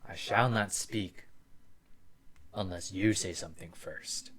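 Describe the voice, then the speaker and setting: Booming enchanted door, played by a male game master, slow and portentous, posing riddles in a tabletop game. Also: fairly bright tone, full character voice. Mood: solemn, challenging.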